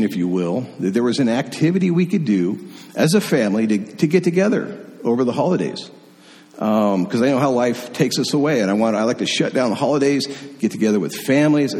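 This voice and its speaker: A middle-aged man preaching in a church, his voice sitting at an ordinary middle pitch. He tells a personal story in an animated, conversational way. The sound carries a long reverb from the hall.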